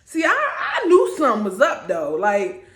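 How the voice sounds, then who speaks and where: A woman in her twenties, a vlogger, tells a personal story to camera in a casual, conversational way, checking in with viewers through little asides. Her medium-pitched voice swings widely in pitch at a moderate pace, and the recording has a roomy echo.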